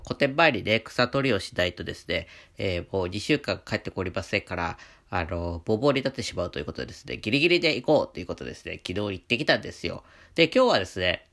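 A man with a congested, nasal voice from allergies, talking casually and haltingly as he hosts a solo radio monologue. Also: on the low side, fairly bright tone. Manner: chatty, halting, with frequent trailing sentence particles. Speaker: radio talk host, painter.

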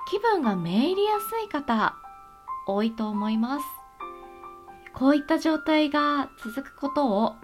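Woman, radio talk host, highish voice, very animated intonation, gentle polite manner, chatty solo delivery. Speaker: host of an aromatherapy talk show.

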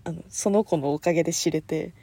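A young woman hosting a casual solo talk show, chatty and animated, with lots of fillers and frequent laughs. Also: deep voice, a little fast, breathy edge, dry recording. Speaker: podcast host.

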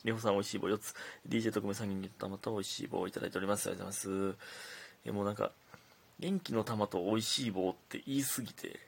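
A young man with a Kansai accent, a comedian chatting casually on his own podcast and reading listener letters aloud, talkative and self-deprecating, swinging between loud bursts and mumbled asides. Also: lowish voice, steady tone, very fast, gravelly, husky. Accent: Kansai Japanese.

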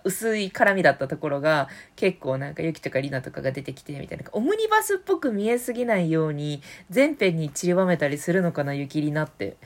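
A woman hosting a casual solo podcast, rambling about TV dramas with many fillers, thinking aloud. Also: lowish voice. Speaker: podcast host.

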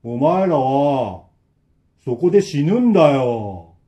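A man voicing an old man behind a door who calls out slowly in an expressionless voice, then turns menacing. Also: medium pitch, very animated, warm tone. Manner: expressionless, slow, repetitive calling.

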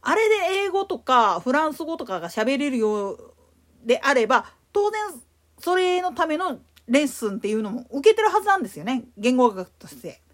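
A woman with a Kansai accent giving a solo explanatory talk as a podcast host, emphatic in her delivery. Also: a little fast. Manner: explanatory, emphatic, lively pitch swings.

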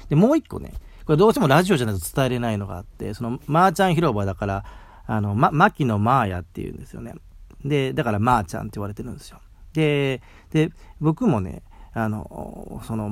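Male host from Mie, chatty solo talk, quick and rambling, gravelly. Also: medium pitch, no room sound. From Mie, Japan. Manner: rambling, chatty, tags sentences with "ne". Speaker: podcast host. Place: outdoors.

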